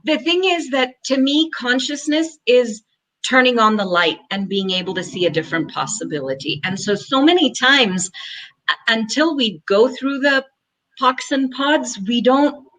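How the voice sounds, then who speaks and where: A woman's voice: fairly high pitch, a little slow, a bit bright. Chatty woman co-hosting a livestream. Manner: chatty, restarts often while multitasking. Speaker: co-host. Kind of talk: casual livestream chat.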